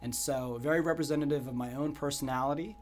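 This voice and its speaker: A young American man answering interview questions in an earnest, reflective way, often pausing with "you know". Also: fairly high pitch, fairly even intonation, a little hiss or hum. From United States. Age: young adult. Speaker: guest entrepreneur.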